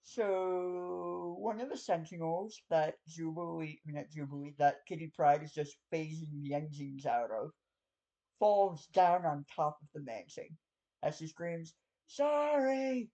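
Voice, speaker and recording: Guy running a tabletop game, chatty with lots of fillers, warm tone, muffled audio. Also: on the high side, unhurried, creaky. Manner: loose and conversational, with frequent fillers. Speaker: game master.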